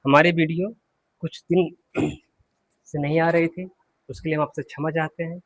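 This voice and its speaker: A man teaching English pronunciation, slowly repeating words and asking and answering his own questions, clearing his throat often. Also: a little high, steady tone, no room sound. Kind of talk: classroom lesson.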